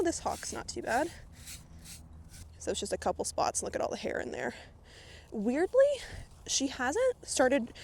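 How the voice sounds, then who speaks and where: A woman's voice: on the high side, a little mellow, slight background noise. A woman vlogging while she grooms her horse outdoors at a barn. She chats in a rambling way with lots of filler words and sounds out of breath. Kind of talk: casual chatty vlog while grooming a horse.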